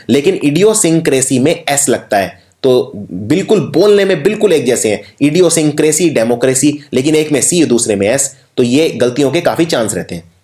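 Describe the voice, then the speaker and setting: A man's voice: medium pitch, darkish tone. Indian man teaching spelling, roomy echo. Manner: explains slowly, spells words letter by letter. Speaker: English teacher. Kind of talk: exam-prep spelling lesson.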